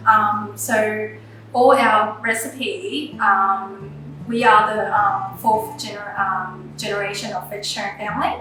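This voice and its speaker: A woman with an Australian accent, a restaurant owner, speaking haltingly with many fillers. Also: medium pitch, fairly even intonation. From Taiwan, grew up in Australia. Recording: roomy and distant with music behind.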